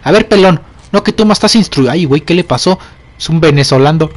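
A man's voice: fairly high pitch, animated, fast talker. A young man with a Mexican accent doing let's play commentary, joking in slang and easily startled. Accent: Mexican Spanish. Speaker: gamer. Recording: game music playing behind.

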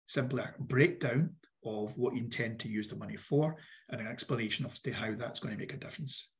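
Croaky-voiced man giving workshop advice. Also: mid-range voice, a little fast. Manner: direct, instructive, repeats key advice. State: croaky voice, clearing his throat. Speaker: workshop presenter for a business funding competition. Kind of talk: online workshop presentation.

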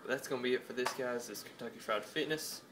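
A man's voice: medium pitch, quick pace, background noise. Laid-back nineteen-year-old guy vlogging. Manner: laid-back, rambling with many "uh" fillers. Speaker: fitness vlogger. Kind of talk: casual vlog. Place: home room, indoors. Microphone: phone camera close up.

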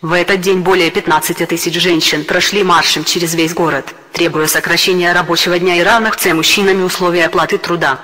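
Robot text-to-speech man, high-pitched, bright, mechanical reading, long reverb tail. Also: steady tone, fast, hardly any pauses. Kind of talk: synthetic reading of an encyclopedia text.

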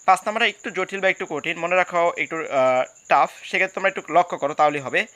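A man's voice: high-pitched, fast talker, sharp tone, no room sound. A man with a Bangladeshi Bengali accent teaching a grammar lesson, patiently repeating rules and spelling out examples letter by letter. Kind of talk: classroom lesson explaining rules.

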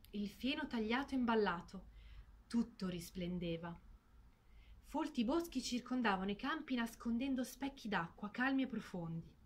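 A woman narrates a children's fairy tale in a storytelling voice. Her pitch moves in wide, lively arcs, and she stretches out words slowly for effect. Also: slight background noise. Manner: expressive, slow and lingering on words.

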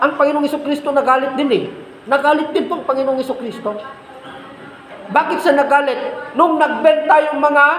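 A man's voice: very high-pitched, fairly bright tone, echoey room, a little hiss or hum, low-quality recording. A man preaching a sermon as a pastor, repeating phrases and asking rhetorical questions.

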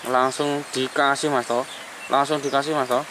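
A man giving lively commentary to viewers while fishing outdoors by a river. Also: mid-range voice, moderate pace, over a noisy crowd. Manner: lively, mixes Javanese words, addresses viewers. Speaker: vlogger filming slingshot fishing. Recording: outdoor noise, insects.

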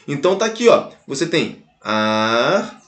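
A Brazilian man with a fairly high voice leads a grammar lesson, speaking with a Brazilian Portuguese accent. He talks straight to his students and repeats each example slowly to drive it home. The sound is echoey, as if recorded in a bare room. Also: faint music behind. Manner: animated, addresses students directly, repeats and spells out examples. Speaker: Portuguese teacher.

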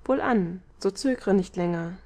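A woman voicing a stately, motherly city goddess in an audiobook, with a measured, gently reproachful delivery. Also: mid-range voice, lightly acted. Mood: indignant. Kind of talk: audiobook character reading.

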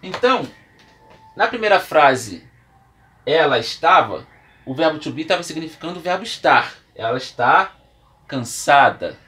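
A man's voice: fairly high pitch, lively intonation, moderate pace, long pauses, bright, forceful tone. A man with a Brazilian Portuguese accent teaching English at a whiteboard, explaining patiently step by step with examples and writing as he talks. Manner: writes and erases on the board while talking. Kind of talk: classroom lesson. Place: room with a whiteboard.

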